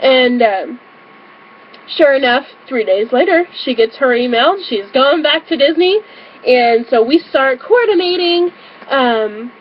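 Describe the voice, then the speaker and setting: A young woman with a high voice chats through a story for her vlog. She giggles and leans on lots of fillers as she talks. The recording sounds slightly muffled, with a faint hum of the room behind her. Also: expressive, measured pace. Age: young adult. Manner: bubbly, giggly, frequent fillers. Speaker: vlogger. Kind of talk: casual storytelling.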